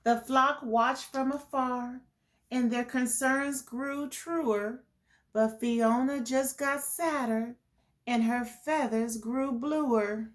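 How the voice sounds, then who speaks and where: A woman hosts a children's story for young listeners, narrating with deliberate expression. She speaks at a fairly high pitch.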